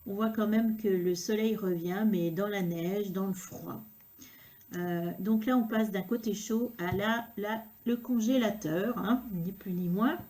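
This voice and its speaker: A woman reading tarot cards to the viewer, talking unhurriedly and filling pauses with hein and euh. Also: medium pitch, warm tone. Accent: regional accent, unnamed. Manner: unhurried, filler-heavy talk with frequent "hein" and "euh". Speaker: tarot card reader.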